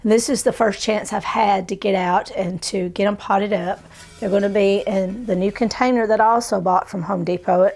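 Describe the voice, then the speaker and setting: A woman's voice: medium pitch, a little mellow. A woman hosting a casual gardening how-to in a folksy way, her voice a little under the weather from a sore throat. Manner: folksy, dropped endings like "gonna" and "'em". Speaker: host of a gardening channel. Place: greenhouse.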